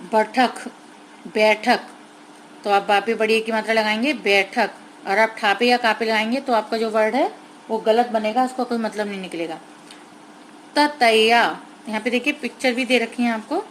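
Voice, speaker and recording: A woman teacher slowly explaining a grammar lesson to young children, sounding out words carefully and mixing in English words. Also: a little high, fairly even intonation, a little hiss or hum, low-quality recording.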